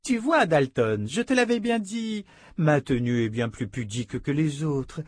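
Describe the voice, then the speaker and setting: A coquettish young noblewoman, as a man reading the story puts her on, lilting up high and teasing. Her lines come playful and arch, in a dry, close audiobook sound. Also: big pitch swings, measured pace, no echo.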